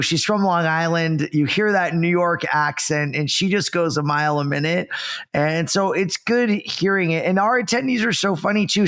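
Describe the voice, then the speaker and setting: A man hosting a podcast, telling an animated story in casual chat. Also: a little high. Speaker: podcast host.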